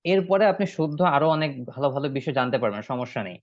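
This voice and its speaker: A man teaching an online English class, explaining step by step and slowly repeating phrases for students to copy. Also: medium pitch, lively intonation, no echo. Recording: dry, slightly dull online-class audio.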